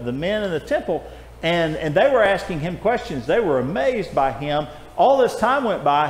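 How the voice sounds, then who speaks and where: An older man teaching a children's Bible class, friendly and coaxing as he calls on the kids by name, in a church auditorium recorded from a far camera. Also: high-pitched. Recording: echoey hall from afar with faint noise.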